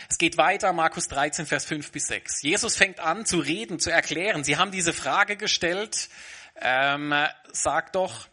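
A man delivers a sermon in a bright, forward voice with a husky edge. He talks earnestly and turns straight to his listeners as he explains the text. His voice sits a little higher than most men's. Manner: earnest, addresses congregation directly. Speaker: pastor.

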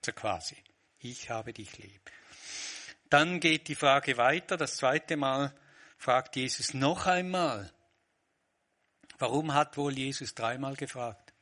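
A man's voice: mid-range voice, slow, long pauses, sharp tone. A man preaching a sermon, reflective, voicing short quoted lines with changing emphasis.

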